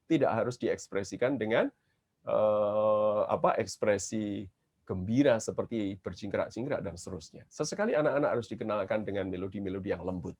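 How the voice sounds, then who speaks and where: A man's voice: fairly low pitch, normal speed, darkish tone. Indonesian man teaching songwriting. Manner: explains patiently, breaks into short sung demonstrations. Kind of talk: webinar lecture with sung examples. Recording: dull lo-fi webinar audio with faint guitar.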